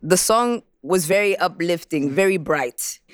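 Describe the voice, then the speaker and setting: A woman recording artist from Botswana, telling in an interview, in a reflective and animated way, how she wrote a song. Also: lowish voice, a little slow, no echo, clean studio sound. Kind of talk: interview about making a song.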